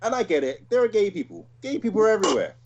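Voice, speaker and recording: A man's voice: sits high, rapid-fire, dull audio, crowd noise. A man co-hosting a casual podcast, talking in an emphatic, slangy way. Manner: animated, emphatic, full of slang. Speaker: podcast co-host. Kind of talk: casual chat.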